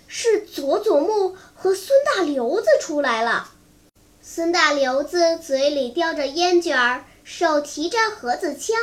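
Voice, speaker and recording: A high-pitched storyteller reads a long storybook aloud. The delivery is slow and careful, and each phrase is given room to land. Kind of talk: storybook reading.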